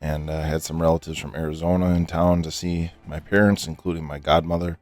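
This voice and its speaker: With faint music underneath, a middle-aged man speaks a little fast in a very deep voice that's starting to give out. He's a gaming channel host offering laid-back commentary on a football game, meandering and packed with filler words.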